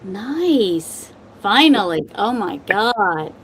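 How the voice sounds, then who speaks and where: A woman's voice: medium pitch, very animated, very slow, husky. A woman hosting a tarot live stream, chatting casually, laughing and mocking herself. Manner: laughing, self-mocking, exclamatory. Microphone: computer mic.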